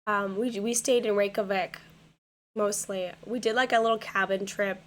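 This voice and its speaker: A young woman streamer with a hoarse, worn-out voice chats casually with viewers from her home setup, rambling and repeating herself with lots of fillers. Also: mid-range voice, steady tone, moderate pace. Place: home gaming room.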